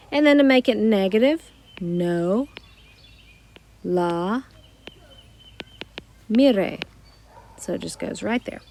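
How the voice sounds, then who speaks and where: A woman teaching a recorded grammar lesson, explaining slowly and carefully with worked examples. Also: medium pitch, darkish tone. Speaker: Spanish teacher.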